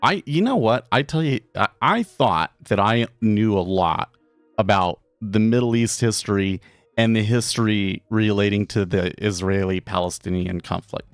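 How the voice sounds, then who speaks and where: A man hosting a live day trading stream from his home office, talking casually and haltingly, often repeating words. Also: lowish voice, dry recording. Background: faint background music.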